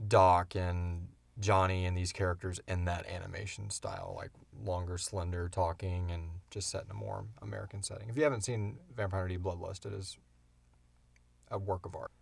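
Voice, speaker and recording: This fiction podcast's creator and co-host speaks low, with noticeable vocal fry, from a cramped recording booth. Answering questions, he rambles along in an easygoing, eager co-host manner.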